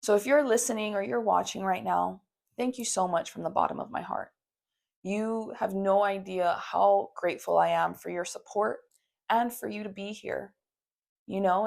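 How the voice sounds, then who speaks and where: On her own podcast, a young Maui-born therapist talks earnestly and affirmingly in a heartfelt solo monologue, often saying "you know". Her voice sits mid-range with vocal fry.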